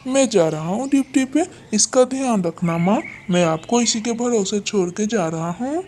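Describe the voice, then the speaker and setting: A woman's voice: medium pitch, expressive, moderate pace, mellow, slight background noise, close to an everyday voice. A woman doing an earnest young male crow. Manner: earnest, mild. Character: dutiful young male crow son and husband.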